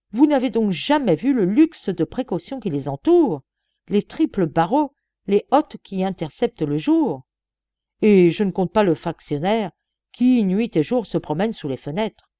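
A woman voicing an excitable, proud male prison director who protests with emphatic indignation. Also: medium pitch, moderate pace, no echo, close to an everyday voice. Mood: indignant.

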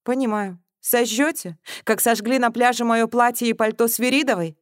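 A woman's voice: a little high, steady tone, moderate pace, no echo, clean studio sound, voice pushed up, lightly acted. A woman reading aloud and voicing a bold young amateur detective who confronts a suspect in accusing tones. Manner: accusing, then shaky.

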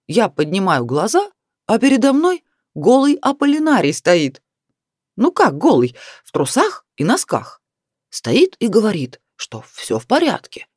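A woman's voice: medium pitch, wildly swooping pitch, measured pace, darkish tone, no echo, clean studio sound, pitched above the performer's own voice. A woman reading the part of a jovial middle-aged husband who mocks and then turns defensive. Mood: amused. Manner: mocking, wry storytelling.

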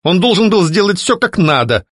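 Man doing stout angry baron, blustering, scornful, lively pitch, dry sound. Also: moderate pace, dry recording, exaggerated voice. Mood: indignant. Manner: blustering, irritable. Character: fat middle-aged baron, angry and scornful.

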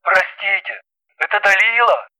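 A woman's voice: medium pitch, a little slow, pushed and bright, dry recording, poor audio. A woman voicing a timid, flustered man who pleads hesitantly over the phone in a storybook reading.

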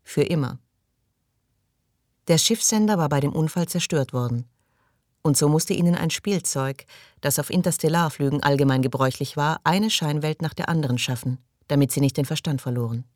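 A man narrating an audiobook in a measured, even storytelling manner. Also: fairly high pitch, no echo, clean studio sound. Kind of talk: scripted narration.

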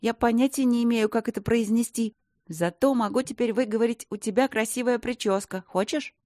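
A woman's voice: brisk, darkish tone, no room sound, clean studio sound, lightly acted. A woman voicing a chatty, impulsive young girl artist who pleads and chatters in a raised voice. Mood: chirpy. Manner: pleading, high-pitched chatter.

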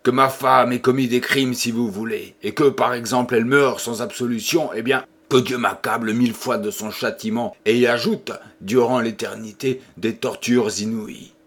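A man reading an audiobook, voicing a furious, domineering husband who shouts down a priest. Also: mid-range voice, fairly even intonation, moderate pace, few pauses, breathy edge. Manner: raging, shouting outbursts. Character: furious domineering husband refusing his dying wife a priest. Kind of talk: audiobook character voice.

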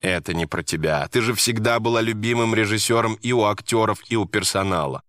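A man voicing a soft-spoken, admiring man who talks almost in a whisper. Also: on the low side, a little fast, no room sound, studio quality, close to an everyday voice. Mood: tender. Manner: hushed, near whisper.

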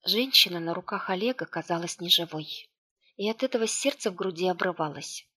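A woman reading an audiobook aloud, with a hushed, tense delivery and light character voicing. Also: fairly low pitch, animated, a little fast, slightly rough. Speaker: audiobook narrator.

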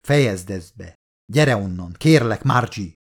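A man's voice: on the low side, lively intonation. A man reading a commanding man under siege. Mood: urgent. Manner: commanding, urgent.

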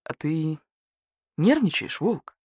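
A woman's voice: sits low, sing-song, slow, darkish tone, slightly rough, dry recording, heavily acted. A woman voicing a stern male badger-cat detective who questions a suspect in a cold, suspicious tone.

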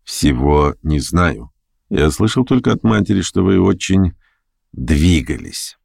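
A man voicing a reserved young nobleman who speaks slowly, coolly and curtly. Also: sits low, vocal fry, slightly rough, dry recording, heavily acted. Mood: cold. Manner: slow, flat, cool and curt. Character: cold, aloof young nobleman, calm and reserved. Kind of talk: audiobook character voice.

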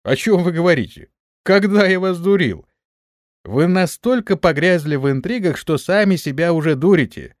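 Man voicing a cunning young hero, brash, lively pitch, dry close sound. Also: normal speed, no room sound. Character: cunning young male hero, sly and bold. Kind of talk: audiobook character reading.

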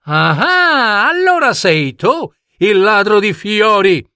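Storybook prince, voiced by a man: high, eager, proud and defiant, dry close recording. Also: expressive, slow, no echo, heavily acted. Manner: eager, shouting challenges. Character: brave young prince, heated and proud.

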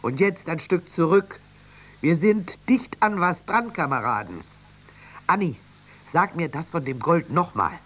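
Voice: mid-range voice, lively intonation, measured pace, fairly bright tone, voice pushed up. A reader voicing a kindly, caring ship captain who reassures his sister in a children's radio story. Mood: eager.

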